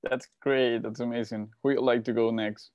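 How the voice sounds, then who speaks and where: Man, moderator, smooth resonant voice, brief prompts, dry muffled call audio. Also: medium pitch, level tone, normal speed, a little mellow, dry recording. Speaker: session moderator.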